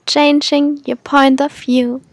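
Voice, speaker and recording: A woman leading a guided meditation in an airy, breathy, soothing manner, like a spiritual healer. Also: high voice, level tone, slow, a little hiss or hum.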